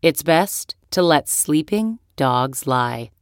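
Very deep-voiced woman reading an ad. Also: animated, dry recording, studio quality. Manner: slow, dramatic delivery. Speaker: ad announcer. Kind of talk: scripted ad read.

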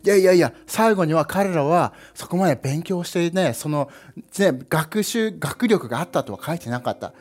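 A young man preaching a lively sermon, playful and animated, with sound effects and asides to the congregation. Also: on the high side, moderate pace. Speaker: pastor.

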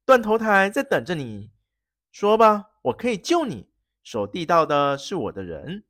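A storyteller voicing a cunning, fierce gentleman thief who threatens and shouts. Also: medium pitch, huge pitch swings, unhurried, no room sound, studio quality, pitched above the performer's own voice. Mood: threatening. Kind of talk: storybook reading.

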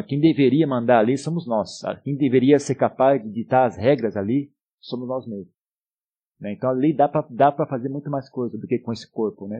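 A man with a Brazilian accent, teaching meditation in a gently coaxing, unscripted way with frequent short tag questions. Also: medium pitch, slightly rough, dull audio. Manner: unscripted, gently coaxing, often seeking agreement with short tags. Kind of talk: spoken talk and guided meditation instruction.

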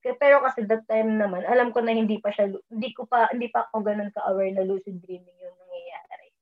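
She talks fast, with a medium pitch and fairly even intonation, casually sharing a story about a dream. English creeps into her talk, her voice rises when she quotes herself, and the audio has a tinny, phone-like quality.

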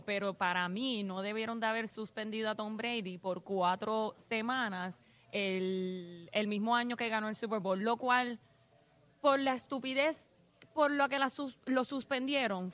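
A woman co-hosts a casual sports talk show. She argues her point with clear exasperation. Her voice sits somewhat high. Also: a bit bright. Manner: opinionated, exasperated.

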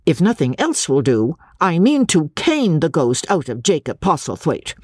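Stern male schoolmaster in a storybook, put on by the narrator; lecturing, threatening, breathy, dry close sound. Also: medium pitch, wildly swooping pitch, normal speed, darkish tone, dry recording, pitched above the performer's own voice. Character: stern middle-aged male village schoolmaster. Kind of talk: audiobook character voice.

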